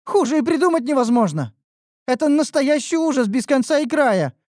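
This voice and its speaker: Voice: very animated, moderate pace, no room sound, studio quality. Narrator voicing a whiny young red elf girl. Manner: whiny and dramatic, loud high outbursts. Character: excitable young female red elf smith apprentice. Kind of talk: audiobook character voice.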